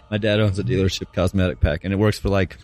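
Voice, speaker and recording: A man co-hosting a gaming podcast in casual chat, making crude jokes and laughing often. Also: low voice. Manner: crude joking, laughs often, halting restarts. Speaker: podcast co-host.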